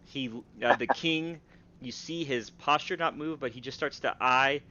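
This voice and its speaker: A man narrating as game master of a tabletop role-playing game, describing scenes in a measured way. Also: mid-range voice, pushed and bright, highs cut off.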